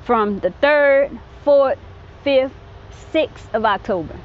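High-voiced woman, earnest and determined. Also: takes it slowly, phone-quality sound. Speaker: interviewee, friend of victim. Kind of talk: news interview. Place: outdoors by roadside brush.

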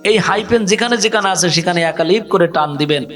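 A man teaching a prayer by spelling out Arabic syllables one by one and then reciting them slowly. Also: sits high, a bit bright, soft background music. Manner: drawn-out chanted recitation. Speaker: religious teacher. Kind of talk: slow letter-by-letter Arabic recitation lesson.

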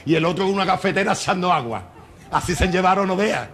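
Fast-talking Andalusian male joke-teller. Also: sits high, lively intonation. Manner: rapid, colloquial, playful. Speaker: comedian. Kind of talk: telling jokes on a comedy cassette. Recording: hissy 1980 cassette tape.

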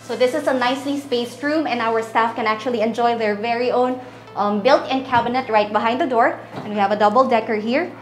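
Upbeat high-voiced woman giving a house tour. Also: fairly quick, faint music behind. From Philippines. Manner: upbeat, salesy, addresses viewers as guys. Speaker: real estate tour host. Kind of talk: walking house tour presentation. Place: large empty townhouse interior, indoors. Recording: roomy echo from bare rooms.

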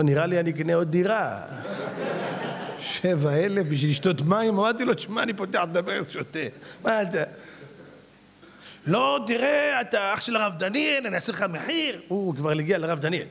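A man's voice: high voice, vocal fry, fairly bright tone. A middle-aged man, a rabbi, telling a story in a sermon and acting out both sides of a conversation. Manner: acts out both sides of a dialogue with a salesman.

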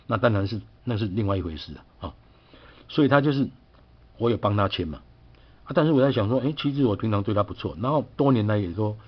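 Husky low-voiced man telling a grievance. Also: lo-fi sound. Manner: chatty, aggrieved, asks "对不对" often. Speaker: vlogger. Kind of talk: casual personal storytelling.

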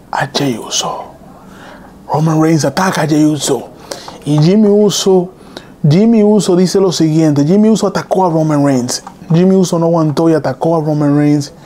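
A man hosting a live stream, excitedly retelling wrestling events and reading chat messages. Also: fairly high pitch. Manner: excited, repetitive play-by-play retelling.

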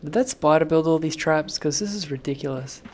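A man commentating gameplay, swearing constantly and shouting at sudden deaths in a noisy home recording. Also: fairly high pitch, brisk. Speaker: let's play gamer.

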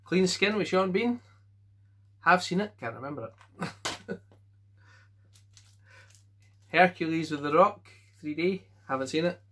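A Scottish man casually going through his film collection at home, giving offhand quick verdicts and chuckling to himself. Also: fairly high pitch, lively intonation, fairly bright tone. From Scotland. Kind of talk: casual chat.

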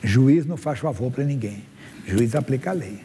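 A man's voice: medium pitch, moderate pace, slight background noise. Man in his sixties preaching in a hall. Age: 60s. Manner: preaching with animated Bible readings and questions to the congregation. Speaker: pastor. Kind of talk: sermon. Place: church stage before a congregation. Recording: long hall reverb.

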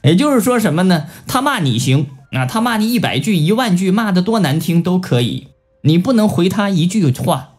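Soft music plays behind a Buddhist teacher giving a scripture lecture in a high-pitched voice at normal speed. He brings his stories to life, acting out the people he quotes.

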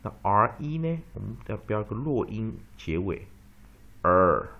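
A man teaching an English pronunciation lesson. He repeats words slowly for drilling and mixes English terms into his Chinese. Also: on the low side, animated, vocal fry. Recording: dull lo-fi recording.

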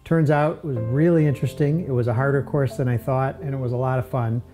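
A man in his sixties, an amateur beekeeper from upstate New York, explaining his hives in a relaxed, halting way with many fillers, recorded outdoors in a backyard. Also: medium pitch, soft background music. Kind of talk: casual explanation while working.

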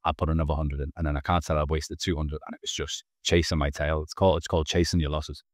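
Clean studio sound with no room sound captures a man in his thirties speaking fast in a rumbling low, level voice. As a podcast guest on a video call, he earnestly tells his own story in a candid way, often restarting his words, wearing headphones in a small indoor room.

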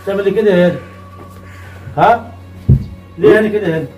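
A man's voice: high-pitched, rapid-fire, a little mellow, faint music behind, close to an everyday voice. A man with an Egyptian Arabic accent playing a pious blind old father who is betrayed, pleading and praying in an amateur drama skit. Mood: confronted. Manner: pleading, prayerful, lamenting.

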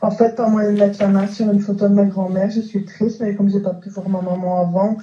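A woman's voice: medium pitch, little pitch movement, a little fast, warm tone. A woman attending a reading as a client, eager and grateful, with hesitant restarts. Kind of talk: casual conversation. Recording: dull, echoey recording.

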